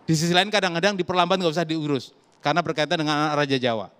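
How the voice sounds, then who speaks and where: Brief: male political pundit, rapid argumentative delivery. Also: fairly high pitch, clean tone. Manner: emphatic, lively argumentative. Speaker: political commentator guest. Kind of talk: talk show political debate.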